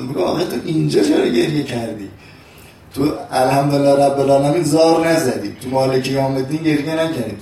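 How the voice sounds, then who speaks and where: A man giving a lively religious sermon, telling stories and reciting verse and prayers slowly. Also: mid-range voice, slight background noise. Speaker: cleric. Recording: echoey hall, mic at a distance.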